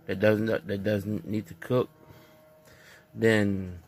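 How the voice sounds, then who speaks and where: Speaking slowly in a low voice with little pitch movement, a man films a casual opinion vlog on a phone in a dimly lit living room. His delivery is earnest and preachy, and he keeps going back over the same points.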